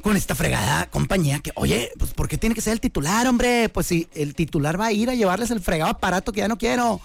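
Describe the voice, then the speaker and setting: A man's voice: high voice, animated, fast talker, gravelly, soft background music. A man with a Mexican accent hosting a radio show, telling a comic story in a joking, playful way. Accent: Mexican Spanish. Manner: playful, jokey storyteller, acts out voices. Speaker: radio host. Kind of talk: comedic radio monologue.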